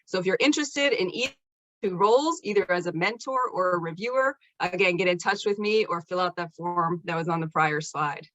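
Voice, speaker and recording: A woman's voice: on the low side, fairly quick, a bit bright, dry recording. A woman hosting an online event, reading an upbeat introduction of the guest speaker over a video call. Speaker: event host. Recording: dry, dull lo-fi sound.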